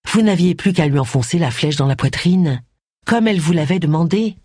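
A reader voicing a blunt middle-aged woman detective who speaks in a forceful, accusing way, with a lively pitch and a slightly husky, dry sound. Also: brisk, dry recording.

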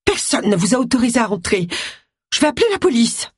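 A reader voicing an indignant, hostile woman in an audiobook mystery, with a raised, shrill delivery. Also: sing-song, fast talker, breathy edge, no room sound, clean studio sound. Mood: angry. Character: hostile woman, startled from sleep, furious.

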